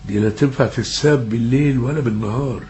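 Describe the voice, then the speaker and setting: A man's voice: medium pitch, fast talker, a little mellow, a little hiss or hum, close to an everyday voice. An actor playing a stubborn, easily frightened old father in a comic radio drama, speaking with an Egyptian Arabic accent and hurling repeated insults in a frantic rush. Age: older.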